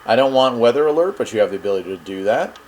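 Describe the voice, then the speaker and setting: A medium-pitched man talks rapid-fire as the host of a radio review channel, giving a casual, folksy product demonstration. He thinks aloud informally while operating a device. The recording is clear, with steady background noise.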